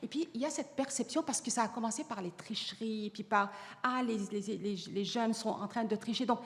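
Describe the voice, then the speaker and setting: Answering audience questions at a panel discussion on AI in education, this woman, whose first language is Arabic, speaks earnestly and often restarts her sentences amid many fillers. Her voice sits on the high side and is brisk, echoing with long hall reverb.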